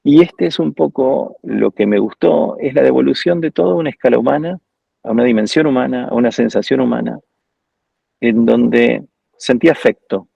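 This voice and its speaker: A man with an Argentine accent gives a reflective, wandering lecture over a video call. His voice is deeply gravelly and husky, with a mellow, warm tone. The sound is dry and dull, like lo-fi call audio. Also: normal speed, dry recording. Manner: reflective, digressive storytelling. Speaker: guest speaker at an architecture school. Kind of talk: informal lecture.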